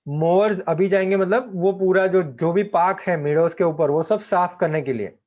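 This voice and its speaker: A man's voice: high-pitched, moderate pace, darkish tone, muffled recording. A man teaching a class, explaining an English play in Hindi mixed with English terms.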